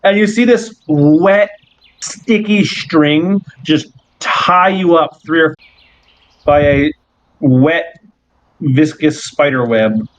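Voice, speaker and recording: A man's voice: fairly high pitch, slow, pauses often. A man narrating a tabletop game as game master, laid-back and joking, swearing often. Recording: dull, dry recording.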